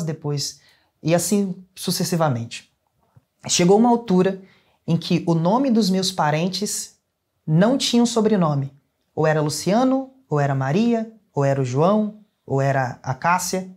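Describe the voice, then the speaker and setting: A man's voice: a little high, darkish tone. A young man with a Brazilian accent, an interview guest earnestly telling a personal story in casual conversation. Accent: Brazilian Portuguese. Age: young adult.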